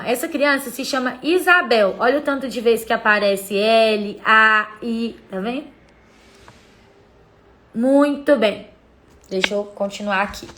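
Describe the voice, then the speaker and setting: Bright high-voiced woman teaching. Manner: explains patiently, points things out to viewers, greets chat. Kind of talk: live-streamed literacy lesson.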